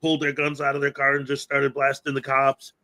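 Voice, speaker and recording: A man's voice: mid-range voice, monotone, fairly quick, sharp tone. A man hosting a podcast in casual chat, rambling with lots of fillers and frequent laughter. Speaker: podcast host.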